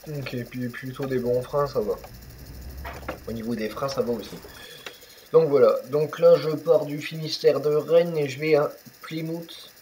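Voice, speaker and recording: A man's voice: medium pitch, fairly even intonation, unhurried, warm tone, slight background noise, low-quality recording. A young man casually commenting on a truck driving game, rambling with many fillers and restarts. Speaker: gaming youtuber. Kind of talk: casual let's-play commentary.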